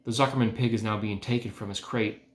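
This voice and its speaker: A man voicing a pompous fairground loudspeaker announcer from a storybook, grand and ceremonial in delivery. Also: fairly low pitch, steady tone, fast, close to an everyday voice. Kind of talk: storybook character voice in a read-aloud. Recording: echoey room.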